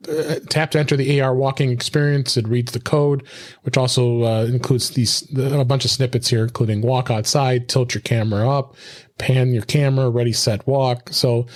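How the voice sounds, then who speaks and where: A man hosting a casual tech podcast, rambling with many fillers and restarts. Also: medium pitch. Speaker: podcast host.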